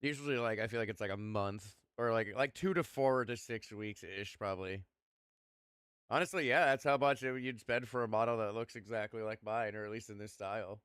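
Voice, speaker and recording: A man's voice: fairly low pitch, fairly quick, fairly bright tone, smooth, no room sound, studio quality. A young man streaming, chatting casually and rambling with lots of fillers and the odd swear word.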